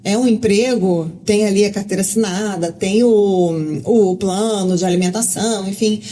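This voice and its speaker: Guest journalist, woman, mid-pitched, mellow tone, talkative storytelling. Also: normal speed. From Rio de Janeiro, Brazil. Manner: talkative, lots of fillers and restarts. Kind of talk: casual interview chat.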